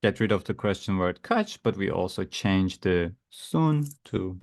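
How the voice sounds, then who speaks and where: A man's voice: low-pitched, expressive, unhurried, gravelly, no echo. A man teaching an interactive online language lesson, encouraging his students as he explains and gives examples. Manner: encouraging, praising. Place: online video class.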